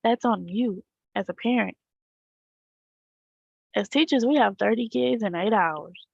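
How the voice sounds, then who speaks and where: A woman's voice: medium pitch, a little slow, vocal fry, a little mellow, slightly rough, no room sound, dull audio. A woman teacher, talking casually to parents and checking in with a rhetorical "right?". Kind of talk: casual direct talk to parents.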